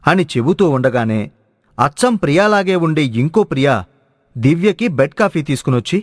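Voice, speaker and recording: A man narrating a cartoon family story in an even, measured storytelling way. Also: fairly high pitch, no room sound, studio quality.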